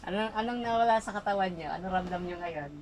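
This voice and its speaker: A woman's voice: mid-range voice, fast talker, a little mellow, slight background noise, poor audio. A woman folk healer interrogating a spirit during an exorcism, insistently repeating short questions.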